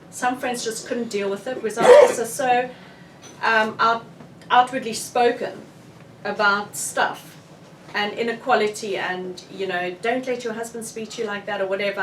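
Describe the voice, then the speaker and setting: A woman's voice: mid-range voice, normal speed. Frank South African woman in a room. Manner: frank and animated. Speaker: author. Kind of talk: candid book launch discussion. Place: bookshop event room. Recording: roomy, distant, with faint room noise.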